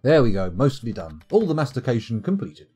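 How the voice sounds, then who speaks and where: A man talking over livestream microphone audio from his desk, his pitch moving lively up and down as he chats wryly through a strategy game. His voice has a husky, slightly breathy edge, and a soft guitar plays faintly behind him. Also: brisk. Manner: wry, chatty, reads game reports aloud. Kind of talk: casual livestream commentary.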